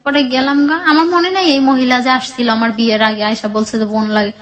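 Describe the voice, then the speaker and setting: Her pitch fairly high and her delivery expressive and quick, a woman recounts her own life story on a rough recording. She rambles emotionally, keeps restarting, and acts out the things people said.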